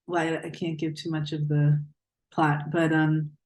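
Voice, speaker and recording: A woman's voice: sits low, level tone, unhurried, a little mellow. A woman author answering a reader's question in a thoughtful way, searching for her words. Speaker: author and rabbi. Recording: echoey room.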